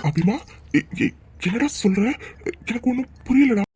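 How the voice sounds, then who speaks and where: A woman's voice: fairly high pitch, animated, measured pace, over music. A woman voicing a middle-aged father who stammers in shock and then soothes his daughter in a cartoon drama. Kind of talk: cartoon voice acting.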